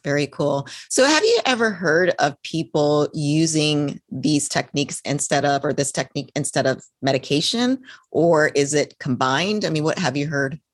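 A woman's voice: sits low, expressive, normal speed, no echo. A woman hosting a podcast, encouraging and reacting with enthusiasm to her guest. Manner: warmly encouraging, reacts with "so cool". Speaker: podcast host. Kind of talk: casual podcast interview.

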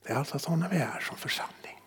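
A man preaching a sermon, reading scripture slowly, dropping to hushed whispers and then rising sharply for emphasis. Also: a little high, expressive, in a large hall. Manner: swings from hushed whispers to sudden emphatic rises.

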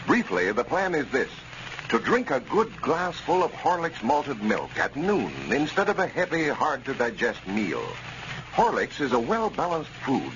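A man's voice: medium pitch, a bit bright, lo-fi sound. A man speaking as an old-time radio announcer, with a folksy, emphatic sales delivery, on a vintage radio recording. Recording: noisy, band-limited vintage radio recording.

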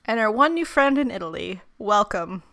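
A woman's voice: mid-range voice, expressive, moderate pace, sharp tone. A woman co-hosting a podcast in casual, slangy banter with some swearing. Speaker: podcast co-host.

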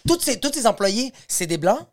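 A podcast co-host who banters in an excitable, teasing, slangy way. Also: medium pitch, normal speed. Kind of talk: casual comedic banter.

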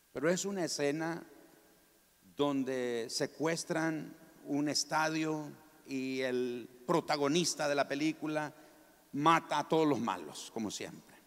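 A man preaching a sermon in a large church, stressing his points by repeating them in slow, drawn-out phrases. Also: medium pitch. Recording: long hall reverb.

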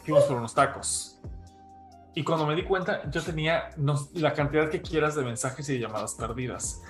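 A man, telling a gossipy story in animated casual chat with a co-host. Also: fairly high pitch, moderate pace, faint music behind. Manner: animated gossipy storyteller, calls listener "hija".

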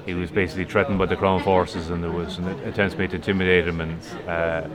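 Deep-voiced, hesitant west of Ireland man. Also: level tone. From Galway, west of Ireland. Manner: hesitant, halting. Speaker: event attendee being interviewed. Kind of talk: informal interview. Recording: crowd chatter behind the voice. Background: crowd chatter.

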